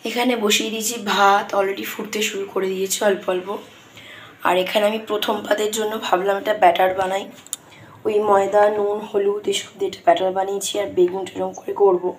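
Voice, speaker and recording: A hoarse woman, chatting through her day at home as she cooks. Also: medium pitch, flat delivery, a little fast, a little hiss or hum, rough recording. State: hoarse, straining to speak. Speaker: vlogger. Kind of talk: casual daily vlog narration. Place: home kitchen.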